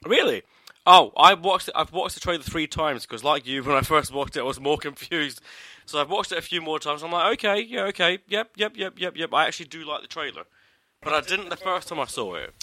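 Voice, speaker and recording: Sweary, opinionated podcast regular. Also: male voice, on the high side, animated, fairly quick, sharp tone, no room sound. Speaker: podcast contributor. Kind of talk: casual film chat.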